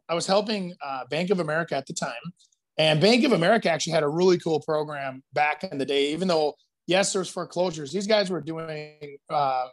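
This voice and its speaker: A man who works as a real estate agent, chatting casually and telling long stories, acting out other people's lines as he goes. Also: on the high side. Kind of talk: casual podcast chat.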